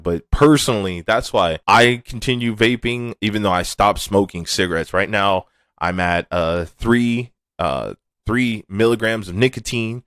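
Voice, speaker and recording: A man's voice: sits low, a bit bright, no room sound. A man hosting a podcast, talking alone in a candid, laid-back way and swearing casually. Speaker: podcast host. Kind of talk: casual monologue.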